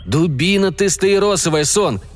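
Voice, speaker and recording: A soft-hearted, fretful uncle, acted by a man reading a storybook aloud whines as if close to tears. His voice runs high and lively, with faint music behind. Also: moderate pace. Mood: reproachful. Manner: whiny, near tears. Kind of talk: audiobook character voice.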